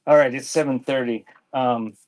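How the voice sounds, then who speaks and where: The speaker is a man with a mid-range, slightly mellow voice, talking at normal speed with fairly even intonation. He hosts a livestream auction of cassette tapes, chatting loosely, musing aloud, and often drifting off mid-sentence.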